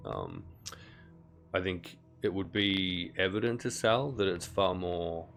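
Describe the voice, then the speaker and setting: Brief: low gravelly male game master, relaxed and explanatory, faint music behind. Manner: relaxed, explanatory, swears casually. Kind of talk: narrating a tabletop game.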